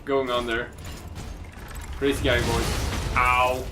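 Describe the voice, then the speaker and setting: A man's voice: mid-range voice, little pitch movement, slow pace. A man giving casual gameplay commentary, thinking aloud hesitantly over game music. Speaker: gamer playing and commenting. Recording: loud game music behind. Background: loud game music and sounds.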